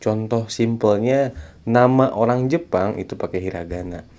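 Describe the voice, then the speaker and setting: A man giving a casual video language lesson, chatty and friendly, slowing down to spell out sounds syllable by syllable. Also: lowish voice, darkish tone. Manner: chatty, repeats a friendly term of address, slows down to spell out sounds. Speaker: Japanese language teacher.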